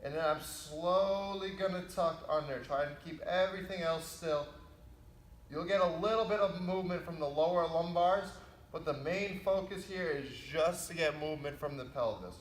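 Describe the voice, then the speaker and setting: A man leading an exercise class, giving careful, unhurried step-by-step instructions as he demonstrates. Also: fairly high pitch, a little hiss or hum. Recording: echoey room.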